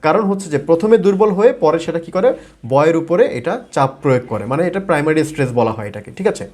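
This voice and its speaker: A man's voice: fairly high pitch, animated, very fast, a little mellow. A man from Bangladesh, a native Bengali speaker, teaching English pronunciation in a video lesson, repeating and modeling words with frequent fillers.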